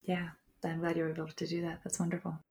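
Gardening podcast host lady, lowish voice, all excited and giggly. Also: fast. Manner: enthusiastic, laughs often. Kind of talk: casual interview.

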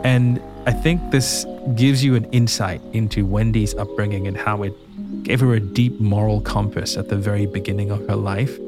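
A man's voice: lowish voice, fairly even intonation, normal speed, music in the background. A man hosting a podcast, telling stories in a reflective way and introducing a guest. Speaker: podcast host. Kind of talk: scripted intro and casual chat.

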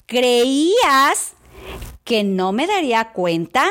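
A woman's voice: fairly high pitch, very animated, slow pace, fairly bright tone, full character voice. A woman voicing a worried, hurt young wife who pleads with her husband in an emotional, dramatic way. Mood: concerned.

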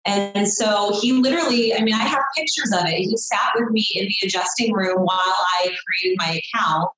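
A woman's voice: medium pitch, moderate pace, over music. A woman in her thirties, a chiropractor guest on a podcast, chatting casually and rambling with lots of "I mean" and "you know". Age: 30s. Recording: very echoey room.

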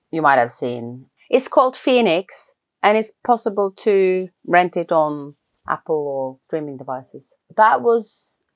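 A woman from Norway speaks English, her voice sitting a little low for a woman. She talks thoughtfully, pausing and restarting sentences as she searches for the right words. This is an unhurried, personal interview. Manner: thoughtful, hesitant, many restarts. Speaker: guest, film writer-director.

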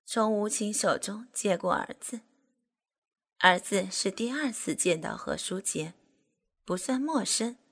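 A woman reads a serialized novel aloud at a slow, deliberate pace. Her voice sits at a middle pitch, steady and measured. The storytelling stays even and calm. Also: creaky, husky. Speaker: narrator. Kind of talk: scripted audiobook narration.

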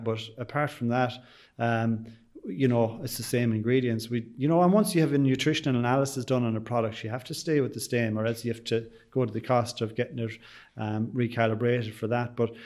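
A man from Sligo speaks in a west of Ireland accent, answering as a bakery owner in an interview. His delivery is conversational and rambling, peppered with small verbal asides, at an ordinary middle pitch. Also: steady tone, a little fast, a little mellow. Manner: chatty, rambling, with frequent "you know".

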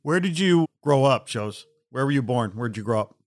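A man's voice: mid-range voice, lively intonation, a little fast. Male interviewer, casual chat, admiring, laughs easily.

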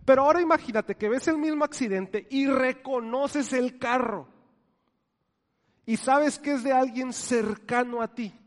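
Preaching slightly slowly in a very high voice, a pastor alternates between soft near-whispers and loud swells. He questions the congregation and gets them to repeat words, and a long reverb tail follows his speech.

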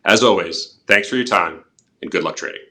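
Very deep, forceful male market commentator. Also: a little fast. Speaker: podcast host, portfolio manager.

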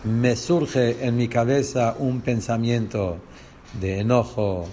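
A man's voice: medium pitch, fairly even intonation, slow pace, dark tone, slight background noise. A man with a Rioplatense Spanish accent teaching a lesson on a religious text. He explains step by step and asks the class rhetorical questions.

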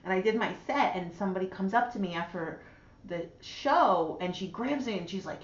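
A woman hosting a podcast in a casual, rambling way, stringing her thoughts together with constant "like"s. Her voice sits at a middle pitch. It sounds roomy and a bit dull, as if recorded on a lo-fi mic. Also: lively intonation, moderate pace. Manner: rambling, heavy with "like" fillers. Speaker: podcast host.

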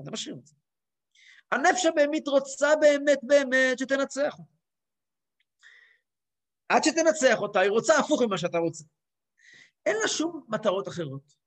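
Animated male rabbi teaching. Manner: animated, acts out voices and quotes, big pitch swings. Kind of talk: lively spoken Torah lesson.

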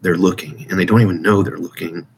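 A man's voice: sits low, steady tone, fast talker, gravelly, darkish tone, a little hiss or hum, rough recording. A man speaking as an interview guest in a casual, earnest, informal way, circling back over phrases as he gives personal testimony. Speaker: interview guest, military veteran.

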